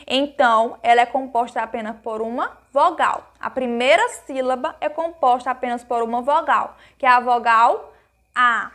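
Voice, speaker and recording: A woman's voice: fairly high pitch, normal speed, fairly bright tone. A woman with a Brazilian accent teaching a recorded grammar lesson to young pupils, explaining patiently step by step with affectionate diminutives and asking questions she answers herself. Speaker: primary school teacher.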